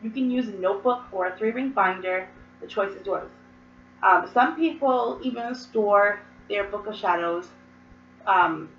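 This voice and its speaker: A woman's voice: medium pitch, a bit bright, a little hiss or hum. A woman with a cold explaining a hobby practice in a casual, rambling way with many fillers and asides. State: hoarse from a cold, occasional coughs. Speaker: host. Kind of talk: casual instructional talk. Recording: roomy, distant, dull mic.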